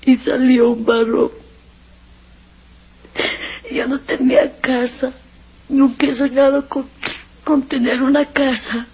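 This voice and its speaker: A woman tells her personal religious testimony in an earnest, emotional way, sometimes close to tears. Her voice is very husky and breathy, set a little high, with a flat melody. The recording sounds dull and lo-fi. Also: takes it slowly, long pauses.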